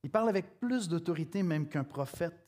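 A middle-aged man with a Québécois accent delivers a sermon like a story told among friends. He speaks straight to his listeners in a casual, familiar way. His voice sits a little high for a man. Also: expressive, brisk, a little mellow. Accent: Québécois French. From Quebec. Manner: conversational, storytelling, addresses listener directly. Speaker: pastor.

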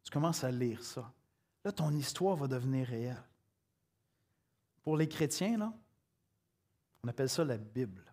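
Québécois pastor preaching, conversational. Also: male voice, mid-range voice, lively intonation, normal speed, long pauses, mellow. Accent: Québécois French. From Quebec. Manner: conversational, storytelling, addresses listener directly. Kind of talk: sermon.

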